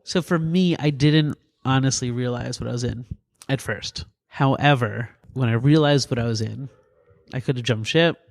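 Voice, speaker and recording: A middle-aged man from New Jersey, a paramedic and doctor, telling lively stories in a casual interview and laughing as he talks. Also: creaky. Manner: animated, laughs through stories, quick pitch jumps. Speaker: guest, paramedic and EMS physician.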